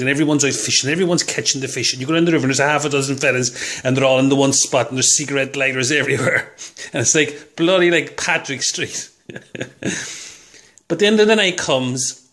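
A fishing video host shares tips at home, filming his hands on a phone as he talks casually to camera. Medium-pitched, fairly quick and fairly bright, he rambles and chuckles at his own jokes.

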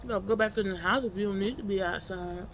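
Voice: medium pitch, steady tone, fast talker, slight background noise, rough recording. A person chatting casually and colloquially to followers while eating, talking with a mouth full of food. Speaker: vlogger.

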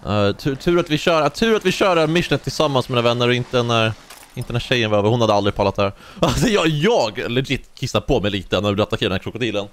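A young man giving casual let's-play commentary, chatty and slangy, telling stories excitably while he plays. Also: medium pitch. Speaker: gaming YouTuber.

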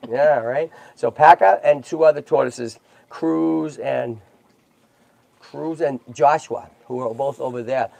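Gravelly-voiced man chatting on a livestream. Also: medium pitch, slow, a little mellow, dry recording. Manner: chatty, keeps checking in with "right?" and "okay?". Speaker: host of a tortoise rescue livestream. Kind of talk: casual livestream chat.

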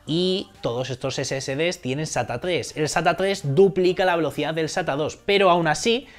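A young man talks in a relaxed, chatty way, full of slang and quick asides. His voice sits a little higher than most men's. Faint music plays underneath. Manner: chatty, colloquial, informal slang and swearing. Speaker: tech YouTuber. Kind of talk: casual tech explainer.

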